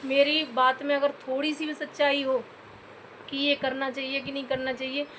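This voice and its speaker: A YouTube vlogger from Uttar Pradesh, India, this woman has a high, slightly bright voice and delivers a direct-to-camera rant in a level tone at normal speed. She scolds earnestly, keeps calling listeners "bhai", and pleads for comments, with slight background noise.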